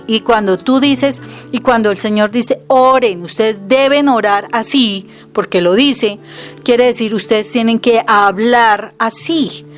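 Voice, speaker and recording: A middle-aged woman with a Colombian accent and a fairly high voice gives religious teaching in a conversational way. She is earnest and emphatic, often quoting scripture aloud. Soft music plays faintly behind her. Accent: Colombian Spanish.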